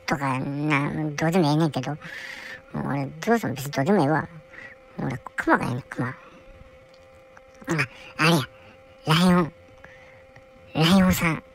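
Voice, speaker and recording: A woman's voice: sits low, moderate pace, pauses often, poor audio. A woman voicing a bored, whiny young male polar bear cub who rambles and grumbles to himself with a Kansai accent. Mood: bored grumbling. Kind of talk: comic character monologue.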